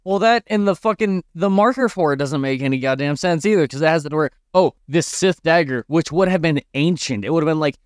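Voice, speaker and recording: A man's voice: fairly high pitch, a little fast, few pauses, clean tone, no echo, clean studio sound. A man co-hosting a casual podcast, easygoing, laughing along and swearing casually. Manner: laid-back, agreeing, laughs often, swears casually. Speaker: podcast co-host.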